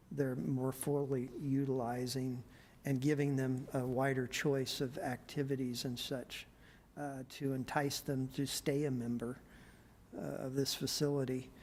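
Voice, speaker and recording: Slow hesitant man presenting at a meeting. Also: medium pitch, darkish tone, a little hiss or hum. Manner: slow, hesitant, many uh fillers. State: losing his voice. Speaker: city planning staff presenter. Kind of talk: public meeting staff report. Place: council meeting room.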